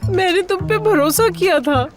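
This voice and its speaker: A dramatic young woman deceived in love, with a high voice and slow, deliberate delivery. Her lines are emphatic and theatrical, set over a music score in a dubbed drama. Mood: bitter. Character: lovestruck young woman who feels betrayed, dramatic. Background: background score music.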